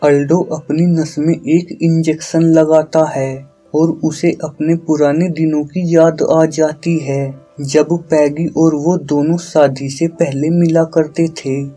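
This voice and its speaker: A man narrating a film plot in a scripted movie recap, with an even, unhurried delivery. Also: a little high. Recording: soft guitar music underneath.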